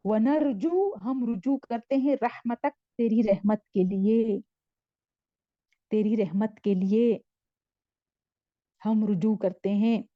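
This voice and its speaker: A woman teaching a religious lesson, reciting a prayer slowly and then explaining its meaning line by line in a patient teaching tone. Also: a little high, no echo, lo-fi sound. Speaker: Quran teacher. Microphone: screen-shared online class.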